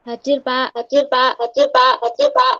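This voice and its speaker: A woman's voice: high voice, very animated, normal speed, pushed and bright. A woman student answering roll call over a video call, her voice ringing with a heavy cave-like echo. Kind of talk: brief replies to roll call. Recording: echoey, distant, muffled online call audio.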